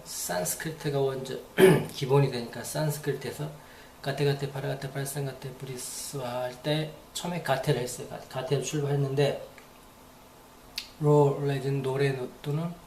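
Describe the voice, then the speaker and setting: A man's voice: a little high, darkish tone, reverberant, slight background noise. A man giving a casual, rambling spoken lesson, repeating phrases aloud to demonstrate them. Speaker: English teacher.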